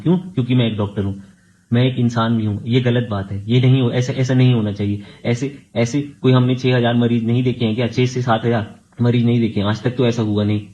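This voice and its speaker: A man's voice: mid-range voice, warm tone, dull audio. A man in his thirties, a senior resident doctor, giving an earnest, defensive recorded statement and repeating his phrases for emphasis.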